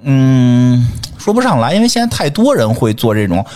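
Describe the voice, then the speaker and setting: A middle-aged man speaks with a Beijing accent in loose, colloquial podcast chat. His pitch swings around dramatically as he jokes and repeats short phrases. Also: big pitch swings, normal speed, mellow, slight background noise. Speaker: podcast host. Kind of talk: casual chat.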